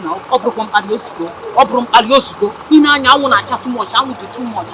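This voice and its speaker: A Nigerian woman playing an angry young woman who confronts her friend in rapid Igbo mixed with English. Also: on the high side, natural voice. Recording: loud street noise.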